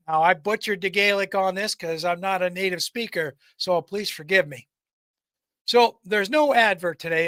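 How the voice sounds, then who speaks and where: A man hosts a storytelling podcast in a high, bright voice. He reads scripted folk tales aloud, sometimes tripping on a word and repeating it. The sound is close and dry, with very little room echo. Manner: stumbles and repeats words while reading. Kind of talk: scripted narration, reading a folk tale.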